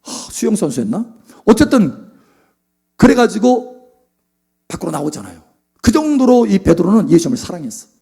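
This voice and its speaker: A male pastor delivers an animated sermon, acting out Bible scenes and checking in with his listeners. His voice sits high and swings widely in pitch, with a husky edge. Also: moderate pace, long pauses.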